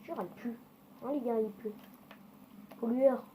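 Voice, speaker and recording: A woman chats her way through a gameplay session, swearing freely and talking straight to her viewers. Her voice sits a little high with a soft, mellow tone. A faint noise runs under the recording. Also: brisk, poor audio. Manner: chatty and foul-mouthed, talking to viewers. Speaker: gaming video creator. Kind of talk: casual gameplay commentary.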